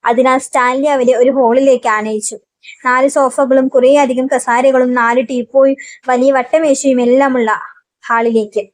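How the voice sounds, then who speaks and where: A woman narrating a novel aloud in a steady storytelling manner. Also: sits high, moderate pace, dry recording.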